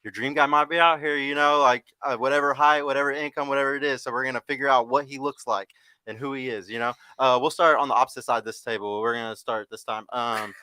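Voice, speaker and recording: A man from Texas hosts a casual dating podcast, talking fast in a bright, forward voice. He stammers and repeats his questions, and the sound is dry and close. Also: mid-range voice, fairly even intonation, clean tone, no room sound. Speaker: dating show host.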